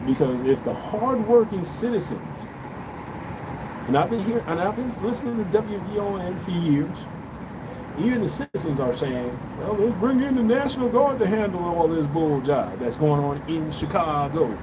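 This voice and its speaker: A man's voice: high-pitched, expressive, moderate pace. An American man ranting casually to a livestream, blunt and profane, repeating phrases for emphasis. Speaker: livestream host. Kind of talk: casual livestream political rant. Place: outdoors on an urban balcony. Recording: loud outdoor city traffic noise. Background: street ambience and vehicles.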